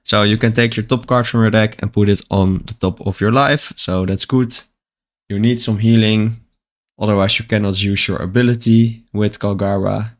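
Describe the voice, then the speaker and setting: A man's voice: on the low side, fairly even intonation, normal speed. A man with the hiccups, reading card text aloud and explaining it plainly in a casual card-by-card deck walkthrough. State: has the hiccups.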